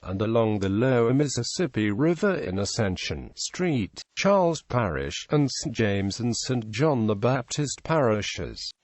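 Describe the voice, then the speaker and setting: A man's voice: medium pitch, a little mellow, no room sound. A man narrating a scripted encyclopedia-style article, reading aloud in a formal manner.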